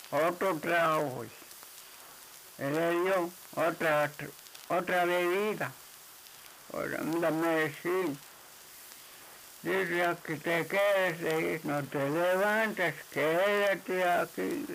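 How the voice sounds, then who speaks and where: A man tells a folk tale slowly in a high, gravelly voice. He circles back over each line, tagging quotes with "le dijo". A faint hiss sits under the recording. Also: fairly bright tone, low-quality recording. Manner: repetitive, unhurried, with constant "le dijo" tags. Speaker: storyteller. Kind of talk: oral folk tale telling.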